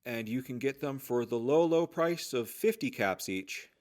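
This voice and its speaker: A voice actor plays a chatty, obliging general-store shopkeeper in a post-apocalyptic audio drama, full of eager sales patter. His voice sits at medium pitch and is expressive and slightly mellow, at a moderate pace and close to an everyday voice.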